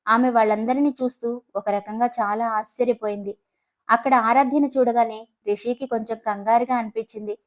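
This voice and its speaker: Woman reading a family story out loud, kinda high voice, perks up a bit for the dialogue. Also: fairly even intonation, normal speed. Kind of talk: scripted story narration with character voices.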